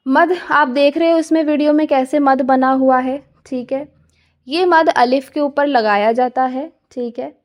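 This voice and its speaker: A woman's voice: high-pitched, a little mellow. A young woman teaching a lecture, explaining step by step and often checking with her students. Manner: patient, repeats "theek hai" to check understanding.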